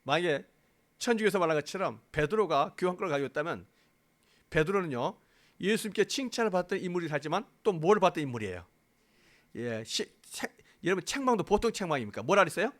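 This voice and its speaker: A man's voice: high-pitched, lively intonation, quick pace. A man preaching a sermon to his congregation as pastor, speaking emphatically, asking them questions and acting out quotes. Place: church sanctuary.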